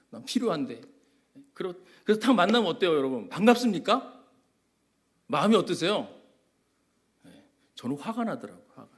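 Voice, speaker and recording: A man preaching in a church, his voice pitched a little high and swinging widely as he acts out the story. He jumps from loud, excited lines to hushed whispers. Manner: animated storytelling, acts out quotes, drops to whispers. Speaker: guest preacher. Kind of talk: sermon. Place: church sanctuary.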